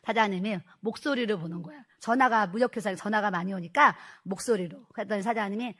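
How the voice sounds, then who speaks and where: A middle-aged woman pastor giving a personal testimony sermon, telling her story in a lively way and acting out the dialogue. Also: medium pitch, fast.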